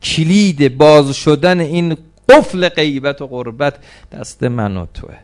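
A man's voice: on the high side, a little mellow. A man preaching a religious mourning sermon, reciting a lament with impassioned delivery.

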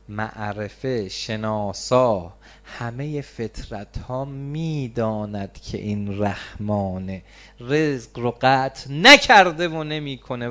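A man preaching a religious sermon, swinging between loud stressed phrases and low, slowly drawn-out words. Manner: stretches key words slowly for emphasis.

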